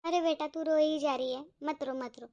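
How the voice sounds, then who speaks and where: A woman voicing a soothing middle-aged mother in a cartoon, speaking softly and consolingly. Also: high-pitched, fairly even intonation, normal speed, dull audio, natural voice. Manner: soft, consoling. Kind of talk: cartoon voice acting.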